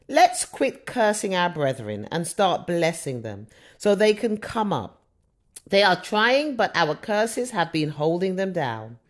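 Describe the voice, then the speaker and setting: A woman reads a faith-based teaching text as an audiobook. Her delivery is animated, deliberate and emphatic, ranging widely in pitch.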